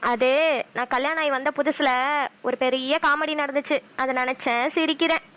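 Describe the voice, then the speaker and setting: A woman voicing a sharp-tongued but loving village mother with a Kanyakumari Tamil accent, who talks briskly and snaps back quickly. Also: high voice, steady tone. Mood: storytelling. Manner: brisk, chatty, quick retorts.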